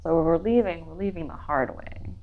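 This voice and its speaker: A woman playing in a tabletop game, blunt, deadpan and decisive. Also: low voice, fairly quick, phone-quality sound. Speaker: player. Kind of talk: casual tabletop play.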